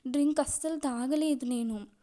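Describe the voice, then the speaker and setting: A woman's voice: high-pitched, normal speed, warm tone, voice pushed up, close to an everyday voice. A woman narrator voicing a young woman who pleads through tears, her voice trembling and breaking. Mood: tearful pleading. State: crying, voice breaking. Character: tearful young woman begging forgiveness.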